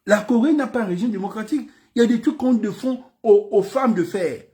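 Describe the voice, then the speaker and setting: A political commentator from Gabon with a Gabonese French accent delivers an impassioned political speech packed with repeated phrases and rhetorical questions. His voice sits high and sounds mellow, and he speaks briskly.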